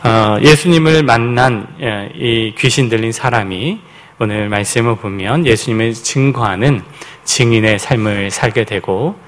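A male pastor delivering a sermon in a conversational, storytelling way. He pauses often with hesitant fillers as he recounts events to his congregation, his pitch sitting in an ordinary middle range. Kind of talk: sermon testimony.

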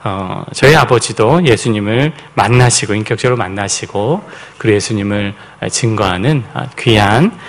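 Pastor telling a testimony. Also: male voice, on the low side, normal speed. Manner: storytelling with frequent filler "uh" and hesitations. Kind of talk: sermon testimony.

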